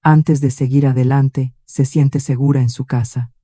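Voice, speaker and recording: A woman reading the lines of a calm, firm male estate lawyer in an audio story, asking quiet, deliberate questions. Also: a bass voice, no room sound, studio quality.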